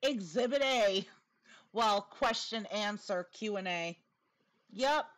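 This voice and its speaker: Slow-talking woman with a whistling lisp. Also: medium pitch, a bit bright. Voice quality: lisp with whistling s from new dental appliance. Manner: sarcastic, blunt. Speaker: commentator. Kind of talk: casual opinionated commentary.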